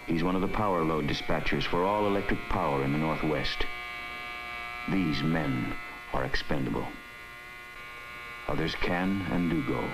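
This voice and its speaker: Very deep solemn male documentary narrator. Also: noisy background. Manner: solemn, dramatic, deliberate.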